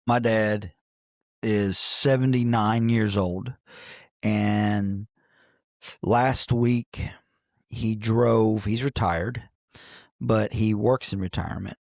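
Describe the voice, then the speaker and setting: A man's voice: on the low side, fairly even intonation, extremely slow, long pauses, a little mellow, no echo, clean studio sound. A man in his forties from Cincinnati, a coach who is a podcast guest, telling stories in an earnest, folksy way with many restarts. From Cincinnati, Ohio, United States. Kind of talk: reflective conversational storytelling. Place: podcast studio.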